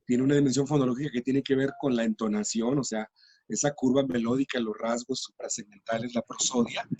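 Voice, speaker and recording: A man's voice: medium pitch, fairly even intonation, fairly quick, darkish tone, dry recording. A middle-aged man, a teacher trainer explaining classroom practice patiently in an interview.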